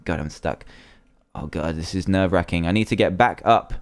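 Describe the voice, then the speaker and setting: A man's voice: low-pitched, moderate pace, no echo. A young man giving casual, chatty commentary while playing a survival game, often nervous and easily panicked. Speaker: gaming video creator.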